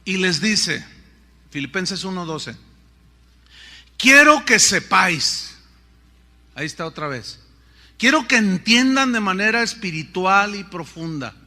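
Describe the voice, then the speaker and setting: A man's voice: high-pitched, lively intonation, a little slow, pauses often, sharp tone. A middle-aged man, preaching a sermon with rhetorical questions and playful asides. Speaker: pastor.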